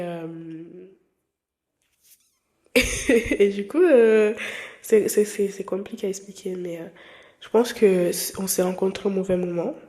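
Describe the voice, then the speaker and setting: With a medium pitch and dark tone, a young woman in her twenties hosts a podcast in French, not her native language. The talk is casual and personal, candid and playful, meandering with fillers and restarts.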